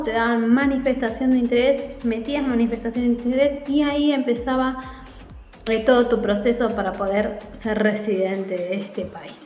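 An animated woman in her forties with an Argentine Spanish accent talks straight to her webcam, chatting as if to friends. Her voice sits a little on the high side. The room is echoey, and soft music plays faintly behind her. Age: 40s. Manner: animated, chatty, gestures a lot with her hands. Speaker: vlogger. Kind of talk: casual storytelling to camera. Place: small room at home by a window, indoors.

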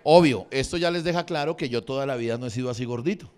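Crude Bogotá comedian working the crowd. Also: male voice, medium pitch, fast talker, a little mellow, smooth. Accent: Bogotá Spanish. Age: 40s. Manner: crude, swearing, bantering with the audience. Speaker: stand-up comedian. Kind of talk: improvised stand-up crowd work. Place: comedy venue with a live audience.

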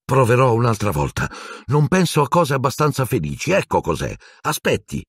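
A man voicing an earnest, shaken teenage boy wizard in an audiobook, pitched well up and urgent. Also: wildly swooping pitch, moderate pace, husky, no room sound, clean studio sound, heavily acted. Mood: determined. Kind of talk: audiobook character voice.

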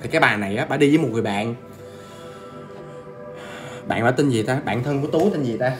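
Faint music sits behind this brisk, mid-range male voice. Between bites of food, he chats with the people watching his informal ghost-story livestream, talking to them directly.

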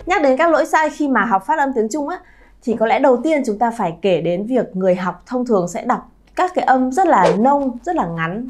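Woman, high voice, lively pronunciation teacher, soft music behind. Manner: lively, stretches sounds to model pronunciation. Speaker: Chinese teacher, channel founder. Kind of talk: pronunciation lesson to camera.

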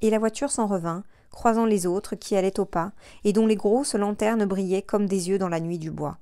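A woman narrating an audiobook in a measured, expressive reading. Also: medium pitch, clear, resonant tone, no room sound, studio quality. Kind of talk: scripted narration.

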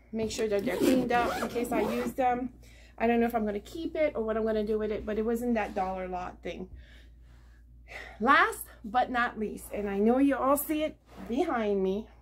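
In a casual chat to camera, a middle-aged woman with a slightly high voice rambles about what she found at thrift stores and yard sales, using many fillers. She is indoors in her living room, the camera on a table close by, with slight background noise.

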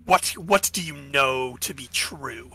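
Slow and gravelly, yet pushed and bright, this mid-range male voice belongs to a podcast co-host wandering through philosophical ideas in relaxed conversation. His voice is giving out, and he often asks "right?".

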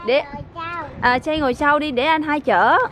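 A woman's voice: high voice, moderate pace, noisy background. A woman filming a family vlog, playfully coaxing children and talking to viewers. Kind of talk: casual family vlog chat.

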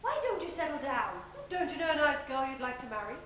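Bright, high-voiced Prince Charming. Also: female voice, animated, fast talker. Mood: hearty, commanding. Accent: English. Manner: declamatory, carefully enunciated. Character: young, restless, genial fairy-tale prince. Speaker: pantomime principal boy. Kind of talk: projected pantomime stage acting. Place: large theatre stage, far camera. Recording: echoey, noisy theatre videotape.

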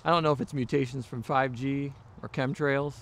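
Mock-documentary hunter, played by a middle-aged man: deadpan, earnest conspiracy believer, noisy outdoor sound. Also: mid-range voice, moderate pace, vocal fry, natural voice. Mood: deadpan conviction. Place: outdoors in a leafy park.

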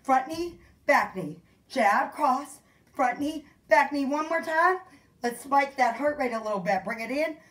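Woman fitness instructor, unhurried cueing, winded, encouraging, roomy echo. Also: high voice, animated, a bit bright. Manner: upbeat, counts out moves, calls encouragement. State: out of breath. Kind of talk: workout class instruction. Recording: echoey room.

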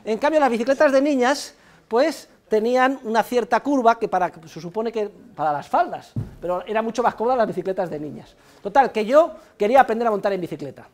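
Lively Spanish professor lecturing a class. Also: male voice, high-pitched, brisk. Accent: Spanish from Spain. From Spain. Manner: lively, repeats key points, tags phrases with "¿eh?", scolds students directly. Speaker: economics professor. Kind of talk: university lecture. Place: university classroom.

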